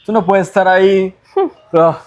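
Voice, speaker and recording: Heard through dull audio, a high-pitched man speaking a little slowly appears as an interview guest. His spiritual teaching is earnest yet conversational, punctuated by rhetorical tag questions.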